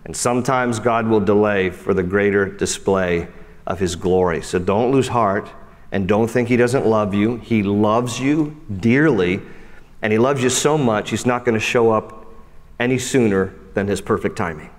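A man preaching a sermon, animated, often dropping low and soft for emphasis and speaking straight to his listeners. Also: normal speed, in a large hall. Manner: acts out quoted voices and speaks straight to listeners. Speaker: pastor.

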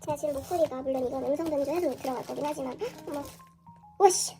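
Girl on a voice changer, super high squeaky pitch, kinda hoarse, squeals a lot, music in the back. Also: quick pace, mellow. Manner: squeals and gushes often. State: hoarse from illness. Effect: pitch-raising voice changer. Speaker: album unboxing vlogger. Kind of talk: casual excited unboxing chat.

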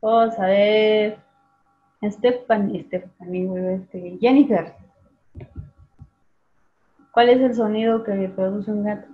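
A woman teacher runs an online class, patiently calling on students by name and repeating sounds slowly. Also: medium pitch, steady tone. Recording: tinny phone-like video call audio.

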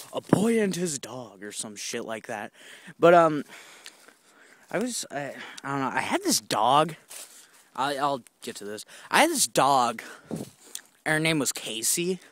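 This vlogger's voice sits mid-range and fairly bright, swinging widely in pitch at a measured pace with long pauses. He walks a wooded trail, telling a rambling, profane story full of restarts and fillers into a handheld phone camera. No room sound comes through.

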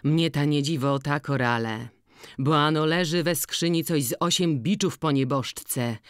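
Woman reading a slow, sly old farmer. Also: clear, resonant tone, no echo, studio quality. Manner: slow, measured, low-key.

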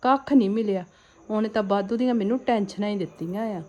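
A woman's voice: mid-range voice, fast, darkish tone, lightly acted. A woman playing a scheming, greedy middle-aged mother-in-law who chats with a Punjabi accent and mutters greedy asides. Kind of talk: comedy skit acting.

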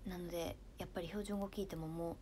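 Soft-spoken Kansai woman streaming. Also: lowish voice, steady tone, fast, slight background noise. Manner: soft-spoken, drifts into near-whispers, laughs often. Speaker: idol livestream host reading comments. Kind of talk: casual livestream chat.

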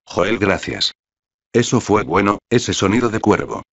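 A man reading the part of a shy, quiet man in a flat, even way, as in a read-aloud script. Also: lowish voice, measured pace, creaky, no room sound, lo-fi sound, heavily acted.

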